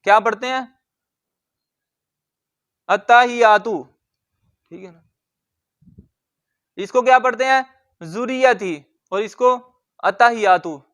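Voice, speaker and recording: A man teaching Quran recitation, drilling words slowly and asking questions that he answers himself. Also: very high voice, fairly bright tone, smooth.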